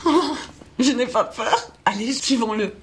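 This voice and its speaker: An actress playing the inspector's playful, tipsy wife in a radio drama, giggling and teasing. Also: female voice, a little high, a little slow, noisy background, natural voice. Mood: eager.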